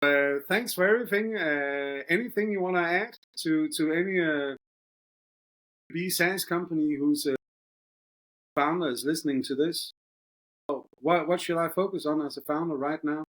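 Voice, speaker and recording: A man hosting a podcast interview, speaking casually and haltingly with many filler sounds. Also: on the high side, fairly bright tone, low-quality recording. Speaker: podcast host.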